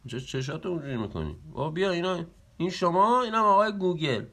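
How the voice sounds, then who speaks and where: A man performs a comedy skit with a high, bright voice. He talks loudly and with animation. He chants counts as he exercises. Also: expressive. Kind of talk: comic skit dialogue.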